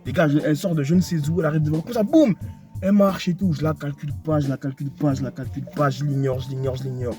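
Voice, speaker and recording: A young man talks in a slangy, repetitive way, turning again and again to the listener. His voice sits a little high for a man. Soft music plays underneath. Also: steady tone, very fast, hardly any pauses. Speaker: dating advice talker. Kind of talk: casual monologue to viewers.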